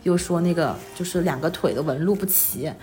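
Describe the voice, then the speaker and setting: A woman in her thirties chatting casually as an interview guest, telling personal stories in an animated, self-deprecating way. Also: on the low side, fairly quick. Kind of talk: casual conversational storytelling.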